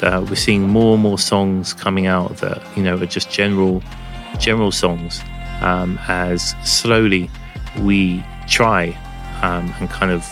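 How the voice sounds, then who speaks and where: A man's voice: low voice, a bit bright. A man presenting a music podcast in a casual, enthusiastic but rambling way, recorded at home under a blanket. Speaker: podcast host and DJ.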